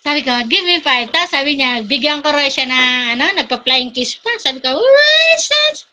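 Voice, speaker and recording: A woman's voice: high voice, brisk, sharp tone. A woman telling funny stories in casual chat and laughing often. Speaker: guest.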